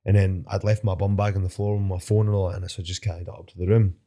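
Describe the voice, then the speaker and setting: A man's voice: deep voice, little pitch movement, racing, warm tone. A Scottish man, a fighter guesting on a podcast, telling rambling anecdotes in a casual way, swearing freely and laughing often. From Scotland. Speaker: podcast guest, mixed martial arts fighter. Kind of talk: casual storytelling interview.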